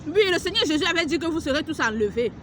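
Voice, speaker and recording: Very high-voiced, fervent preaching woman. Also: lively intonation, fast talker, fairly bright tone, a little hiss or hum. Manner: fervent and scolding, repeating phrases and firing rhetorical questions. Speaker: preacher delivering a prophetic message. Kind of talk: impassioned outdoor preaching to camera. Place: outdoors at a beach.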